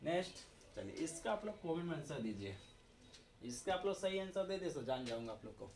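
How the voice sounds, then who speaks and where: A man's voice: on the high side, sing-song, brisk, vocal fry, a little mellow, slight background noise. A man with an Indian accent teaching English grammar, asking questions and repeating the answers himself. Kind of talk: classroom-style video lesson in Hindi.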